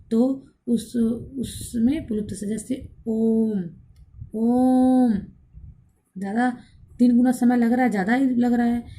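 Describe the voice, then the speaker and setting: A woman's voice: on the high side, dark tone. A woman teacher giving a grammar lesson who asks the class questions, then answers them herself and repeats each point. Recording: recorded for an online class video.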